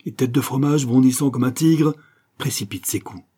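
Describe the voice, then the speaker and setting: A man's voice: mid-range voice, moderate pace, warm tone, slightly rough. A man reading a novel aloud as an audiobook narrator, in an intense, dramatic delivery.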